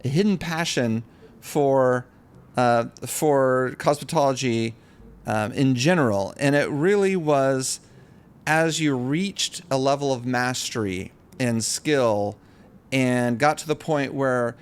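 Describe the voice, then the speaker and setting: A man's voice: mid-range voice, slow pace, clean tone. A man hosting a podcast, introducing his guest and musing in a loose, rambling way with many restarts. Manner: reflective, rambling, restarts phrases. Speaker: podcast host. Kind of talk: casual podcast interview.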